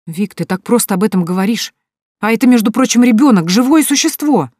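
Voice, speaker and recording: A woman's voice: on the low side, quick pace, warm tone, no echo, clean studio sound, natural voice. A woman voicing a sensitive young woman who answers defensively and with indignation. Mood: indignant. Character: touchy, softhearted young woman.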